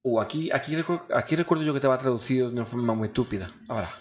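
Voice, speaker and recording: Racing along at medium pitch, a gaming video host with an accent from Spain mutters coarse, informal remarks about his gameplay. Faint game music sits behind an echoey recording made on a dull microphone.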